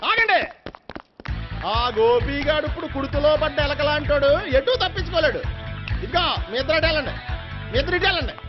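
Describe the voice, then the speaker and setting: Squeaky hotheaded young guy, fast and mouthy, lo-fi movie audio. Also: music in the background. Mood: boastful. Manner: excitable, boastful rants. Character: hotheaded young man, comic nephew. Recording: dull lo-fi film soundtrack.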